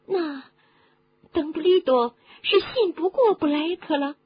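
A woman doing an eager, high-voiced barmaid. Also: measured pace, no echo. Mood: curious. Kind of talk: audiobook reading. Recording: dull lo-fi recording with faint hum.

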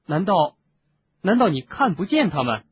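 A man's voice: sits high, big pitch swings, normal speed, pitched above the performer's own voice. A man voicing an earnest, impatient teenage boy in an audiobook, speaking in an urgent, insistent way. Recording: narrow phone-like sound, faint hiss.

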